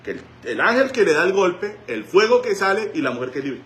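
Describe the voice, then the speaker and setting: A man, a pastor preaching a sermon in a church and telling stories with sudden shouts. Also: sits high, brisk. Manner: animated storytelling, voice rising to shouts. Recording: echoey church room.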